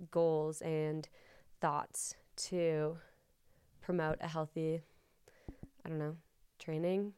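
A young woman with a low voice rambles through a casual podcast monologue, slightly hoarse from being a little sick. Her words stay smooth and clear despite that, full of likes and ums. The sound is close and dry. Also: dry recording. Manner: rambling, many likes and ums, laughs softly. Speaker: podcast host, ski racer.

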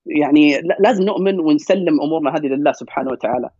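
A man with a Saudi accent telling a personal story and giving advice as a podcast guest, talking fast and repeating words for emphasis. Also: fairly high pitch, a little mellow, slightly rough, dry recording. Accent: Saudi Gulf Arabic. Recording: dry, dull lo-fi sound.

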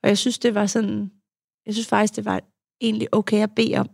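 Young woman guest, frank and reflective, very gravelly voice, dry close sound. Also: medium pitch, flat delivery, a little mellow, no echo. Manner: frank, reflective, with frequent fillers. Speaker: guest, adult child of an alcoholic; youth therapist. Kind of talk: candid conversational storytelling.

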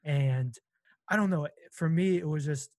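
A man's voice: fairly high pitch, measured pace, a little mellow, dry recording. A man hosting a casual sports talk, asking long, rambling questions.

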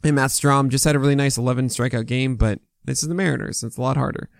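A man's voice: mid-range voice, fast talker, creaky, dry recording, clean studio sound. An American man hosting a fantasy baseball podcast, talking with a swollen mouth in casual, opinionated, unscripted commentary full of asides.

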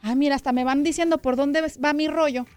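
A woman's voice: high-pitched, fairly even intonation, fairly quick, darkish tone. A Mexican woman hosting a radio call-in show, talking in a blunt, teasing, outspoken way. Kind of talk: casual call-in chat. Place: radio studio.

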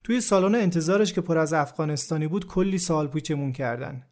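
A man narrating a true story in the first person as a podcast narrator, in a calm, measured and reflective scripted delivery. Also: on the high side.

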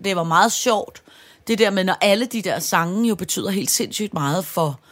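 A woman's voice: mid-range voice, fairly bright tone. A middle-aged woman, mother of a teenager, co-hosting a podcast, rambling and stumbling over her words in casual chat. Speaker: podcast co-host.

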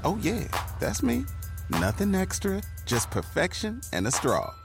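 A man playing a cocky, playful fast-food customer in a scripted comic ad. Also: sits high, huge pitch swings, creaky, over music, heavily acted. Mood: playfully smug.

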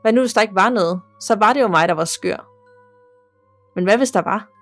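A woman reading a listener's ghost story aloud as a podcast narrator, in a steady, measured way. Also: medium pitch, soft background music.

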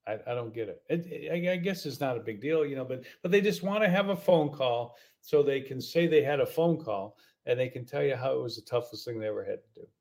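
A man's voice: medium pitch, fairly quick, hardly any pauses, darkish tone. A middle-aged man hosting a podcast and ranting in a casual way, full of rhetorical questions and stuttered repeats. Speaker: podcast host.

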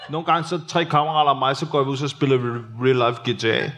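A man guesting on a live comedy show, giving deadpan, absurd answers in an improvised interview. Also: mid-range voice. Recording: clear background noise at live venue.

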